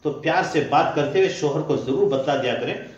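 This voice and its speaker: A man's voice: fairly high pitch, fairly quick, highs cut off. A man preaching a sermon to women, emphatic and urgent, repeating his key points. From India. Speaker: Islamic preacher. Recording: heavy echo of a reverberant room.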